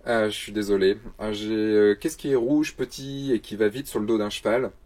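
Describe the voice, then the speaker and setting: A man with a slightly low, husky voice hosts a casual question-and-answer vlog about photography. He talks in a loose, chatty way and keeps slipping in self-mocking jokes. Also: fairly even intonation, normal speed, darkish tone.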